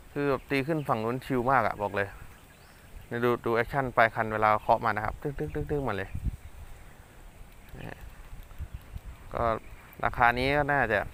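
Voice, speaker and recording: A chatty man reviews gear in a relaxed outdoor vlog, muttering asides to himself between explanations. His voice sits at an ordinary middle pitch, recorded on a camera mic that sometimes drifts away from him. Faint birdsong and open-air ambience hang behind. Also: a little hiss or hum. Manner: chatty, talks to himself while casting. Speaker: fishing vlogger. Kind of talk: casual product review vlog. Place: outdoors by the water.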